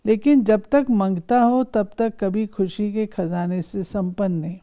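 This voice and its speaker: Woman, very mellow dark voice, steady instructive sermon reading, rhetorical questions. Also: mid-range voice, a little slow. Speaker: reader of spiritual discourse. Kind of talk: reading a spiritual discourse aloud.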